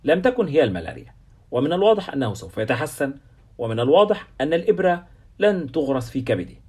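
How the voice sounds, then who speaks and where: A man narrating a novel at a fast clip with a husky voice. He reads in a steady, scripted storytelling manner. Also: a little high. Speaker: audiobook narrator.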